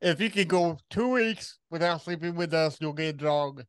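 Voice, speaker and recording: Smooth-voiced man in his forties hosting. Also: a little high, fairly bright tone, no room sound. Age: 40s. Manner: halting, lots of fillers and restarts. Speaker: podcast host. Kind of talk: casual interview chat.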